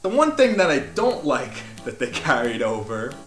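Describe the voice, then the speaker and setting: A man's voice: medium pitch, big pitch swings, normal speed, a bit bright. A young man giving a casual game review as a YouTuber, with hesitant, repetitive phrasing, recorded in a living room. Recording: roomy home recording, music behind.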